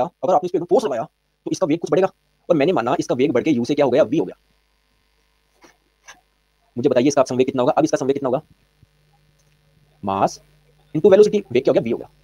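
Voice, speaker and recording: Rapid-fire man teaching physics. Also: on the high side, warm tone, breathy edge, no echo, dull audio. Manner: brisk, quizzing students with repeated questions. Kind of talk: online exam-prep physics lecture.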